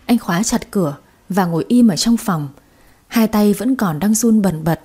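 A woman giving scripted story narration in a soft, dramatic way. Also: mid-range voice, normal speed, breathy edge.

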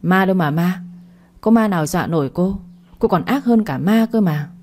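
A woman's voice: fairly low pitch, expressive, moderate pace, a little mellow. A woman voicing a young male policeman who scolds with contempt. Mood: scornful.

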